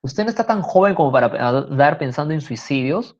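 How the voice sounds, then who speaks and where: A woman voicing a shrewd, kindly older matchmaker who gives measured advice, in a dull lo-fi recording. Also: low-pitched, expressive. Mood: advising. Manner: advising, measured.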